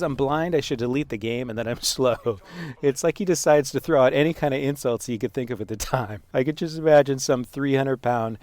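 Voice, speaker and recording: A man's voice: mid-range voice, darkish tone. Amused man telling a gamer story. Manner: amused, chuckling, halting with frequent asides. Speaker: gaming video creator. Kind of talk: casual storytelling commentary, reading out messages.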